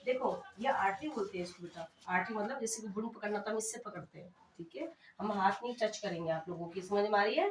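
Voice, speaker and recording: A woman's voice: mid-range voice, fast. A young woman health worker shows young children first aid supplies, asking them questions and explaining terms. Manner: asks the children questions and mixes English terms into her talk. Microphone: far camera. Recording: echoey room, voice from a distance, noisy.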